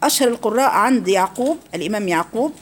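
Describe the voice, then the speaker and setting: A woman's voice: fairly high pitch, lively intonation, very fast. A woman with an Egyptian accent teaching Quran recitation rules in a classroom lecture, explaining each rule and quizzing her students with questions.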